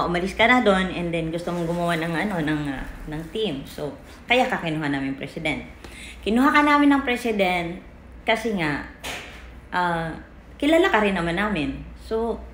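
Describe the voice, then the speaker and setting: A woman's voice: mid-range voice, fairly bright tone, a little hiss or hum. Woman, group leader, heated livestream rant, echoey room. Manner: confrontational, with long hesitant pauses.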